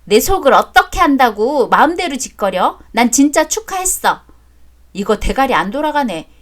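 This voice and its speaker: A woman acts out an angry confrontation in a radio drama, her voice high and lively. She speaks in a sharp, scolding manner. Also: moderate pace. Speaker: narrator and voice actor.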